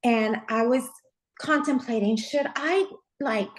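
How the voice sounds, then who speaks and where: A woman's voice: fairly high pitch, slow pace, low-quality recording. A middle-aged woman pastor from Texas sharing her personal testimony in an interview, earnest and heartfelt, with a lot of "you know.".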